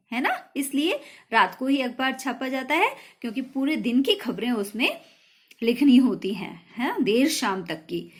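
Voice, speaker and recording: A woman teacher walks through a children's poem line by line, reading each verse and then explaining it plainly. Her pitch sits a little high and moves a lot as she talks. She keeps checking in with her listeners as she goes.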